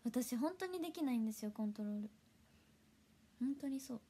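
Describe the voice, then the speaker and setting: A young woman with a chats casually to her livestream viewers. She speaks with a fairly high voice, giggling often and sometimes dropping into a soft whisper. She sounds close to the mic. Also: lively intonation, a little fast, husky. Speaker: idol livestream host.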